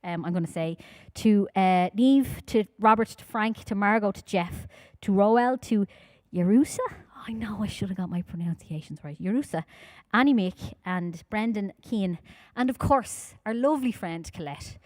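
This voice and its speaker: A woman in her thirties from Dublin with a Dublin Irish accent, chatting playfully with the audience between songs at a live concert, speaking into a stand mic on a dark stage. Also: mid-range voice, normal speed, hardly any pauses, no echo. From Dublin, Ireland. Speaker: folk singer and bandleader. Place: dark stage in a hall, indoors. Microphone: vocal mic on a stand. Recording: live stream with loud band music.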